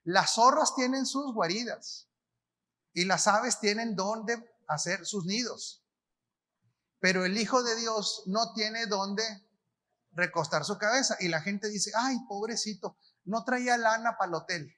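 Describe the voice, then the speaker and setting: A man's voice: high voice, slow pace, sharp tone. A man with a Mexican Spanish accent preaching a conference sermon, talking in a colloquial way, asking the audience questions and answering them himself. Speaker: apostle preaching.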